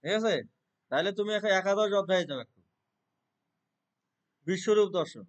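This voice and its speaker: A man teaching Gita verse pronunciation in an online lesson. He explains step by step, often checks whether the student follows, and recites the verses slowly. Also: sits high. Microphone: online call.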